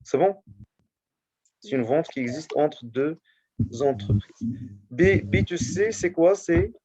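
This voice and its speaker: A male teacher going over a test in class, speaking haltingly and often checking that his students follow. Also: on the high side, animated, a little mellow, highs cut off. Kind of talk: classroom lesson correcting a test.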